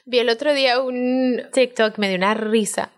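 A woman co-hosting a casual podcast chat, a doctor and mother recounting parenting mishaps with laughter. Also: on the high side. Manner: expressive, laughing, drawn-out phrases.

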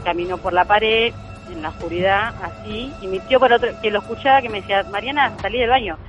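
A woman's voice: medium pitch, fast talker, highs cut off, faint music behind. A woman with an Argentine accent telling a true ghost story as a guest, earnest and emphatic, repeating key phrases. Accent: Argentine Spanish.

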